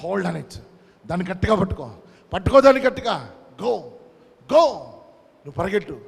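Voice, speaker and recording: High-voiced man preaching in a hall. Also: vocal fry. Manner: preaching with emphatic repetition, mixing in English phrases. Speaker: pastor. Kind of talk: sermon.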